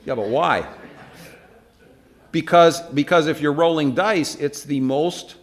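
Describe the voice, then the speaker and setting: A man's voice: a little high, slow. A man teaching an informal church Bible study, talking conversationally with many fillers and asking the room questions. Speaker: preacher teaching a Bible class.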